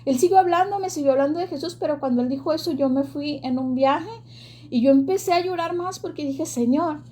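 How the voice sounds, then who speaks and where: A woman's voice: high voice, fairly quick, mellow. A woman giving an earnest, emotional faith testimony, with hesitant fillers. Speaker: ministry speaker giving testimony.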